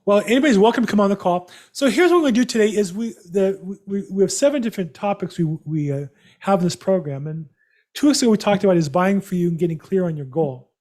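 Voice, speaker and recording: A man's voice: sits high, lively intonation, fast talker, a little mellow. A man hosting a live real estate seminar over a video call, chatty and rambling with many fillers. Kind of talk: live webinar presentation.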